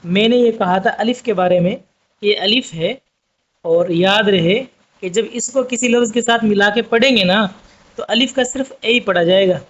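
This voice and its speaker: A man with a high voice teaches a language class, going patiently over each point and repeating it until it sticks. The sound is dull and lo-fi, like a budget home recording. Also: normal speed, fairly bright tone. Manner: patient, repetitive explaining, addresses viewers as friends. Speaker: Urdu teacher. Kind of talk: online language lesson.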